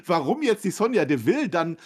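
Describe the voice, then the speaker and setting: A man's voice: high voice, big pitch swings, brisk, a little mellow, husky. A man co-hosting a casual wrestling podcast, bemused and puzzled as he picks apart a storyline. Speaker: podcast co-host. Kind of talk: casual wrestling recap chat.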